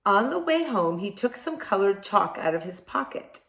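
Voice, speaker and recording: A woman hosting a read-aloud for young children like a kids' show host, talking straight to them in simple words and expressive questions. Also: mid-range voice, moderate pace, vocal fry. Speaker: kindergarten teacher reading picture books to children. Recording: echoey room sound.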